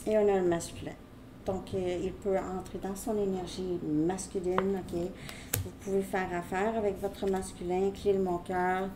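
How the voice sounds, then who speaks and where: A woman's voice: mid-range voice, flat delivery, a little slow, noisy background. A woman giving a casual tarot reading, rambling as she talks straight to the viewer. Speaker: tarot reader.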